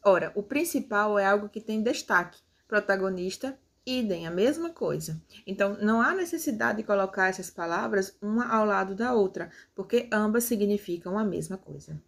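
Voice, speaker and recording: A woman's voice: medium pitch, expressive, moderate pace, vocal fry, few pauses. A woman teaching a grammar lesson, explaining patiently step by step. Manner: explains step by step with tag questions.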